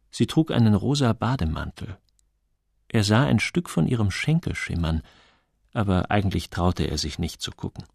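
A male audiobook narrator telling the story in a calm, expressive voice. His pitch moves in a lively way, and his tone has a gravelly rasp. The recording is close and dry. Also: no echo.

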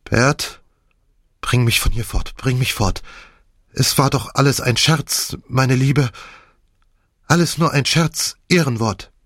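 A man's voice: medium pitch, slow, long pauses, a bit bright, no room sound, clean studio sound, voice pushed up. A man voicing a scheming older woman in a wheelchair who gasps and pleads in a flustered way, in an audiobook. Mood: flustered pleading.

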